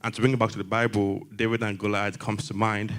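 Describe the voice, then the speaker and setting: Young male panelist, low-pitched, animated talker who ramps up when he gets excited. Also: fast. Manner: lively, builds to excited highs with superhero analogies. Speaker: panelist, tech consultant. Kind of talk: panel testimony at a church young adults session.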